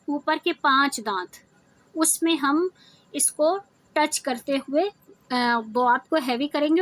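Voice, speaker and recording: A woman's voice: sits high, a bit bright, no room sound. A woman teaching a tajweed lesson, patiently explaining how each letter is formed and demonstrating the sounds aloud. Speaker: Quran recitation teacher.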